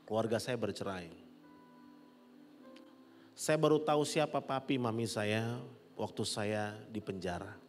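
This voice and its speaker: A middle-aged man preaching a sermon as pastor, animated and rising to loud peaks. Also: lowish voice, a little slow, pauses often. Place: large church hall. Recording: long church hall reverb with soft music.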